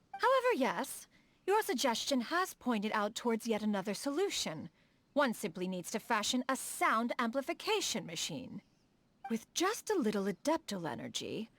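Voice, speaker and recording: In scripted video game dialogue, a proud, refined immortal adeptus noblewoman, an inventor of mechanical contraptions, speaks in a high, expressive, heavily acted voice. Her phrasing is stately and archaic, with formal, lofty diction, and she refers to herself as "one."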